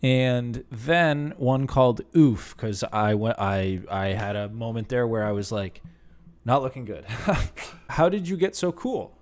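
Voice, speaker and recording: A man's voice: medium pitch, slow, a little mellow. Rambling man in his late twenties. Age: late 20s. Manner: rambling, self-deprecating, conversational with restarts. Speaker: channel host. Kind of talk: casual Q and A vlog.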